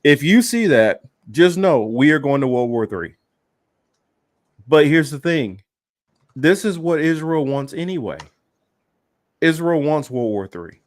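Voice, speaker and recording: A man's voice: on the high side, sing-song, unhurried, long pauses, no echo. Guy venting about politics on a podcast, lots of ums, restarts, dry close sound. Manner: rambling with many fillers and restarts; heated, emphatic. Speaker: podcast co-host. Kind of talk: casual political discussion.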